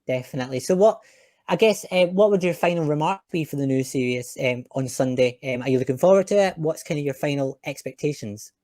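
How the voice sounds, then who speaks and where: A man's voice: fairly high pitch, a little fast, darkish tone, dry recording, studio quality. A man hosting a podcast, chatting in an opinionated, chatty way with some fillers. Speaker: podcast host. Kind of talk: casual chat.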